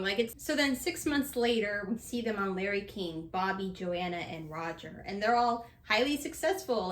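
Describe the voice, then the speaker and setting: A woman's voice: mid-range voice, a bit bright. Sarcastic young woman recapping a movie. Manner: sarcastic, chatty, laughs often. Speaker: vlogger. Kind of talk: casual movie recap while doing laundry.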